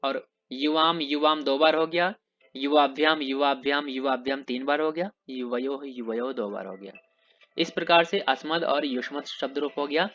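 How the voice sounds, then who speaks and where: Bright-voiced male Sanskrit teacher reciting forms. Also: mid-range voice, muffled recording. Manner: recites word forms slowly and rhythmically, then explains in plain Hindi. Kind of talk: recorded grammar lesson.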